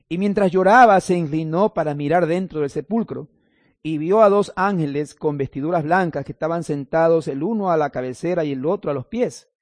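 A man preaches in a fairly high voice, recorded dry and close. He reads scripture passages and then explains them to his congregation. Now and then he drops in playful asides. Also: darkish tone, dry recording. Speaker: pastor. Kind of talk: sermon.

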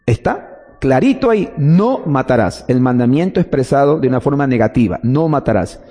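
Man, preacher, teaching sermon, mellow tone, step-by-step explaining, reverberant hall. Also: mid-range voice, lively intonation, fairly quick, slightly rough. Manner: explains step by step, asks and answers his own questions.

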